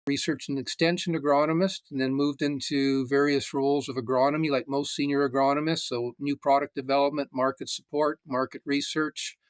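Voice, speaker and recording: A Canadian man in his sixties, a retired agronomist, explaining things in a measured way as a podcast guest. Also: a little high, no echo. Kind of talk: casual interview.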